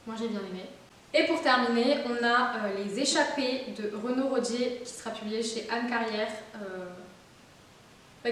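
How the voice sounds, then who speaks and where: A woman chats away about her latest books, filling pauses with little fillers and laughs. Her voice sits a bit high. She sounds set back from the mic in a strongly echoing room with a faint hiss. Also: distant mic. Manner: chatty, frequent fillers and laughs. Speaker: book vlogger. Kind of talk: casual book haul chat.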